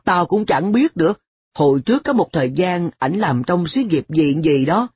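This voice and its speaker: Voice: mid-range voice, animated, moderate pace, slightly rough, dry recording, lo-fi sound, pitched above the performer's own voice. A reader voicing a carefree, cheeky schoolboy who talks in an offhand, shrugging way in a story reading. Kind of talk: audiobook dialogue.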